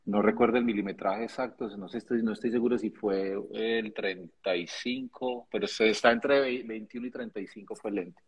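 Husky man telling a story casually. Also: on the low side, steady tone, moderate pace, hardly any pauses. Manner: laughing storyteller, slangy. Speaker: director of photography. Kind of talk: casual chat.

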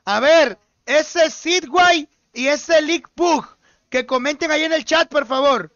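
A man's voice: extremely high pitch, unhurried, fairly bright tone, no echo, highs cut off. A young Mexican man streaming a shooter game, joking and teasing his teammates in slangy banter. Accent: Mexican Spanish. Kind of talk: livestream gaming chat.

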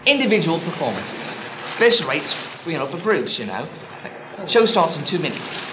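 A man playing a shabby waterfront showman who pushes his pitch with stammering salesman patter in a comedy sketch. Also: sing-song, normal speed, noisy background. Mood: persuasive. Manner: persistent salesman patter, stammering, keeps saying sir.

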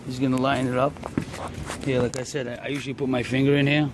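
A man's voice: medium pitch, level tone, fast talker. Profane young man on a noisy rooftop. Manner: blunt, profane, joking with his apprentice. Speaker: HVAC technician. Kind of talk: casual on-the-job vlog narration. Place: outdoors on a building rooftop. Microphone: handheld phone camera. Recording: noisy rooftop with air-conditioning units. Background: air-conditioning hum and traffic.

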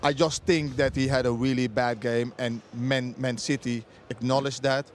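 A middle-aged man debating as a football pundit pitchside, with many restarts and non-native phrasing. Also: steady tone, normal speed, a little hiss or hum. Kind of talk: studio-style punditry debate. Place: outdoors pitchside at a stadium. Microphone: handheld mic.

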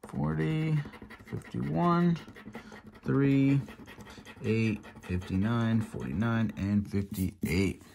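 A man's voice: medium pitch, extremely slow, vocal fry, pauses often. A man hosting a casual tabletop video, giving running commentary and calling out numbers in short, clipped phrases. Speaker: host of a scratch-off ticket video. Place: indoor tabletop in a room. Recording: steady scratching and clicking noise. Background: scratching of lottery tickets, clicks.

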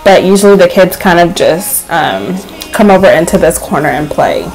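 A young woman casually narrating her home cleaning vlog in a relaxed, chatty way, with frequent filler words. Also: lowish voice, moderate pace, poor audio. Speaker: cleaning vlogger. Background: faint background music.

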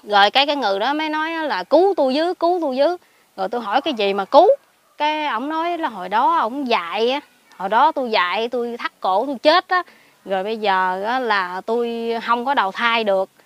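A woman with a Mekong Delta Southern Vietnamese accent tells her story in a casual spoken way, seated outdoors in a pomelo garden. Her voice sits fairly high, and she drops to hushed asides before bursting into excited exclamations. She speaks as a lay Buddhist recluse answering an interviewer. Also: fast. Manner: animated, jumps between hushed asides and excited outbursts.

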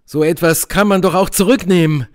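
A man's voice: high-pitched, fairly even intonation, fairly quick, clean tone, dry recording, clean studio sound, pitched above the performer's own voice, lightly acted. A man reading an audiobook, voicing an insistent young man in love in urgent, demanding lines.

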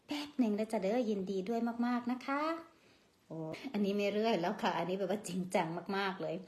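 A woman's voice: mid-range voice, brisk, a little mellow. A woman with an Isan accent, hosting a casual live stream, reading out and thanking viewer comments. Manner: chatty, reads out viewer comments and thanks them; refers to herself by name in the third person.

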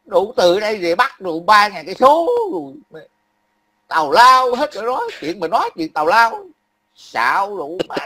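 A man with a high, sharp-pitched voice. He rants with angry, profane heat and circles back to the same phrases again and again. Under the fury there is a worn-out, grumbling weariness. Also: very animated, unhurried. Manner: angry, profane, repetitive ranting. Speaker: livestream commentator. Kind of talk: heated political rant.

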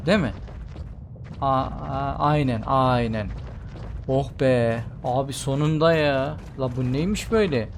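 A man's voice: mid-range voice, a little slow, creaky, slight background noise. A man giving live commentary on a video game he plays, talking to himself, often exasperated and exclaiming. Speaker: gameplay streamer.

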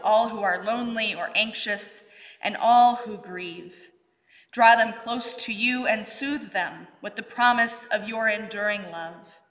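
A middle-aged woman pastor leading worship in a church sanctuary, reading the creed and prayers in a measured, solemn way with her arms raised. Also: mid-range voice, pushed and bright, big-room sound. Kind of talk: leading liturgy and intercessory prayer. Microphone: fixed camera at mid distance.

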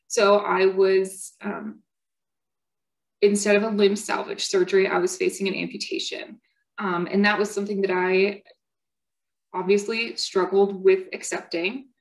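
A young woman speaking as a patient at a symposium, giving a personal testimony in an earnest, halting way with many fillers and restarts. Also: mid-range voice, flat delivery, rough recording.

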